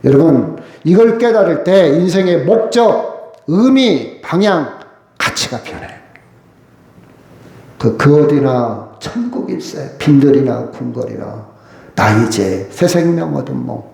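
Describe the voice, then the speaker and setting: A man preaching a sermon as a pastor, with lively emphasis and frequent rhetorical questions. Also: on the high side, a little slow, vocal fry, reverberant. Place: church sanctuary.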